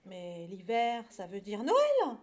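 A woman's voice: a little high, big pitch swings, unhurried. A woman reading aloud, voicing a small cheerful lamb who exclaims eagerly. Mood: joyful. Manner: bright, exclaiming delivery.

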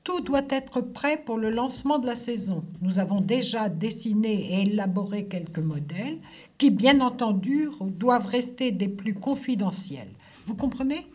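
A woman's voice: on the high side, animated, normal speed, a little mellow. A woman voicing a refined, effusive milliner in a storybook reading, speaking in a formal, polished and courteous way. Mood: enthusiastic.

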